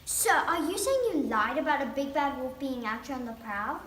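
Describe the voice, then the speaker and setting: A woman playing a brisk reporter delivering a mock breaking-news report. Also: high voice, animated, a bit bright. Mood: urgent. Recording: roomy echo.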